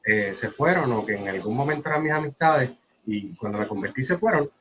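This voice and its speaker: A man, earnestly sharing a personal testimony as a podcast co-host, his voice often trailing off softly. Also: mid-range voice, animated, fairly quick. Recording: slightly muffled with faint background noise.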